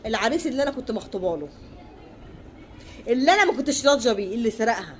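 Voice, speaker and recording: A woman's voice: on the high side, a little hiss or hum. An Egyptian woman telling a dramatic personal story in a colloquial way, emphatic, repeating her lines and acting out the other voices.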